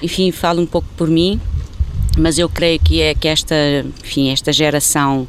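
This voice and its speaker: A woman in her fifties from Angola, talking reflectively in an interview and pausing on fillers. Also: low-pitched, fairly even intonation, slight background noise. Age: 50s. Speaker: interviewee, newspaper editor.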